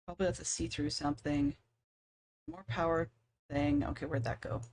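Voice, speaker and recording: A woman's voice: low voice, steady tone, normal speed, a little mellow, a little hiss or hum. A woman casually talking to herself as she works through a puzzle game on a live stream, with dry sarcastic asides.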